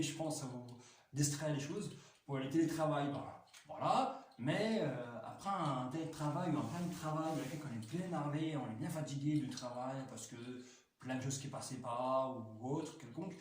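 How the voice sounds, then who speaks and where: A talkative man with a slightly high, slightly mellow voice rambles through a toy review, enthusiastic and chatty, full of fillers, hesitations and restarts. He's picked up from a distance in a very echoey room, with a faint hiss underneath.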